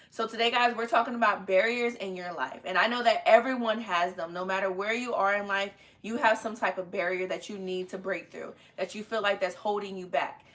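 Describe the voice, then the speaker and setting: A young adult woman hosts a family live stream from her living room, chatting in a familiar, slangy way. Her mid-range voice sounds pushed and bright, and there's noticeable room noise.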